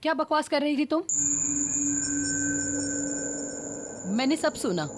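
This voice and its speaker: A sharp, accusing widowed mother. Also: high voice, sing-song, normal speed, over loud music. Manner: confrontational, scolding. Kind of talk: Hindi TV horror drama acting.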